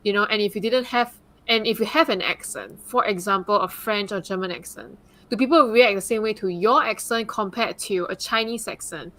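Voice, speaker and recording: A Singaporean woman, a consultant and advocate, speaks earnestly as a guest on a live panel discussion, often saying "like" and "um." Her mid-range voice is bright and forceful at a moderate pace.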